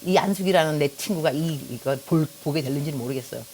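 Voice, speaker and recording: Low-pitched and quick, a middle-aged Korean pastor from South Korea preaches her sermon, with a little hiss or hum in the recording. Her delivery mixes lively storytelling and jokes with direct address to the audience.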